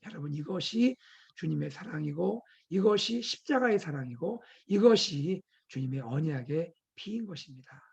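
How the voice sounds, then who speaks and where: A male pastor preaching an earnest devotional sermon, asking rhetorical questions and letting his voice drop soft at phrase ends. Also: fairly high pitch, animated, moderate pace, creaky, breathy edge. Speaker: senior pastor.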